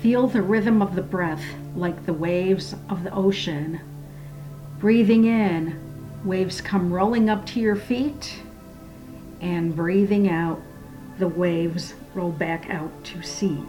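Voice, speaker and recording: A woman leads a guided meditation and prayer in a soft, hushed, soothing voice that trails into a near-whisper. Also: fairly low pitch, takes it slowly, soft background music, rough recording.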